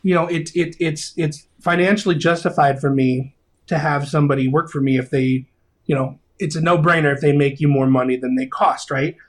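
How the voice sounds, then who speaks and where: A man in his thirties, a video game composer, talking casually in an interview, rambling and excitable with lots of fillers and restarts. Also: on the high side, fairly quick.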